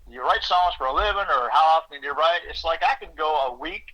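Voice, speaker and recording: Middle-aged songwriter guy, really bright tense voice, a bit high, humble chatty talk. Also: animated, fast, poor audio. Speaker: songwriter guest. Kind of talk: casual interview chat.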